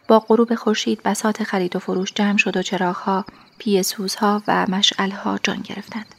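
Woman narrator for a first-person audiobook; soft, half-whispered reading at a middling pitch. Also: slightly rough.

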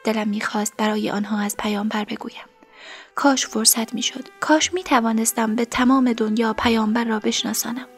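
A woman narrating a story in the first person, softly and emotionally, in a breathy, whispery voice. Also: a little high, fairly even intonation, faint music behind. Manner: soft, emotional, tearful storytelling.

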